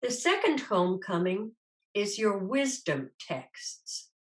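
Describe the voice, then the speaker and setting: A woman teacher leads a guided meditation, gently instructing in a soothing, unhurried manner with long pauses. Her mid-range voice is nonetheless very animated.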